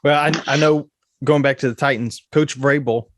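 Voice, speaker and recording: A man's voice: mid-range voice, steady tone, normal speed. A man co-hosting a college football podcast, chatting casually and often repeating his first words. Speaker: podcast co-host. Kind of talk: casual sports podcast chat.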